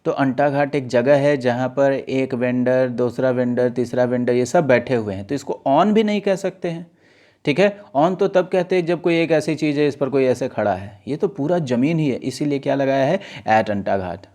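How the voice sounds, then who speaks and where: Man teaching slowly with questions. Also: medium pitch, a little mellow. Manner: explains slowly, reads newspaper lines aloud, asks questions and answers them. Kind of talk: exam-prep lesson.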